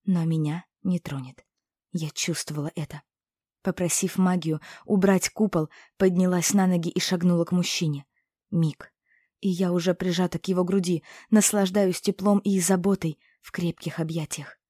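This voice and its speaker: A woman narrating a first-person audiobook in a calm, emotive, dramatic reading. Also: fairly low pitch, moderate pace, no room sound, studio quality.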